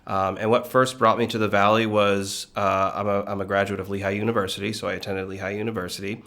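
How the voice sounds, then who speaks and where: A man in his thirties from Connecticut, a guest in an interview, talking in a relaxed, reflective way with many fillers. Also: lowish voice, fast. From Connecticut, USA. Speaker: guest, business leader. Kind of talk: conversational interview.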